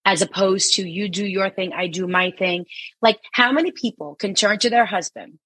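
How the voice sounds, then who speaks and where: A woman in her forties with a New York accent, co-hosting a laid-back podcast. Her voice is bright and a little husky, and it sounds dry and close. She talks in an animated, teasing way and laughs often. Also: mid-range voice, moderate pace, no room sound, low-quality recording. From Queens, New York. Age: 40s. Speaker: podcast co-host. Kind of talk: casual chat.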